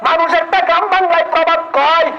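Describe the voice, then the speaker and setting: A male preacher giving a fiery sermon, shouting at times and urging the crowd to answer. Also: extremely high pitch, flat delivery, fast talker. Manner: shouting, dialect-heavy, urges the crowd to answer. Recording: dull lo-fi recording.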